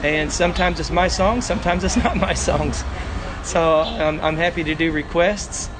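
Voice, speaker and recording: Male country entertainer, Arkansas hillbilly drawl, halting interview talk, a touch high-voiced, clear traffic noise behind. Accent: Arkansas hillbilly, Southern US. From Arkansas, United States. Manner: halting, repeats words mid-sentence. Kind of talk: casual interview chat. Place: bar, on location with street noise. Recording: noisy outdoor bar, traffic behind.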